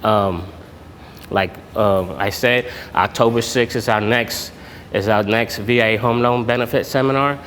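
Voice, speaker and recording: A lower-voiced man speaks informally to a room, often pausing on filler sounds and restarting his sentences. His voice carries the long echo of a hall, with faint background noise. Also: fairly even intonation, a bit bright. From Puerto Rico. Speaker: military veteran speaking at a networking event. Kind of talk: informal public talk. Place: event room.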